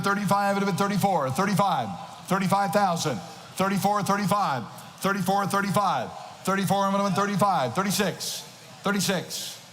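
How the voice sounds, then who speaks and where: Over an echoing PA amid a noisy crowd, a large auction hall hears an auctioneer's high, a bit bright voice. He calls bids in a rhythmic, insistent chant, repeating numbers and filler phrases.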